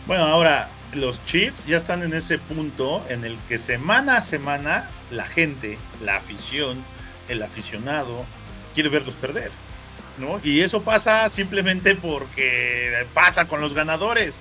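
A man's voice: a little high, animated, unhurried, pushed and bright, faint music behind. A man hosting a sports talk show, presenting emphatically and addressing his co-hosts directly.

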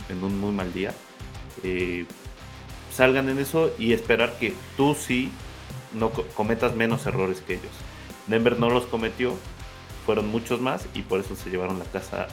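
A man giving casual sports analysis as a commentator, often searching for his words. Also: lowish voice.

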